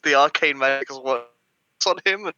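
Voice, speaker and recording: A man's voice: mid-range voice, normal speed, bright, forceful tone, dull audio, a little hiss or hum. A man playing a tabletop game over an online call, his audio choppy and cutting off at the ends of words from a bad connection. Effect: choppy audio with cut-off endings from a bad connection.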